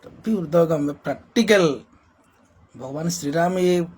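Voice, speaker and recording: Husky, emphatic man. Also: on the high side, moderate pace, a little mellow. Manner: emphatic, repetitive, rhetorical questions. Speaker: social reformer speaker. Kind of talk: impassioned spoken commentary.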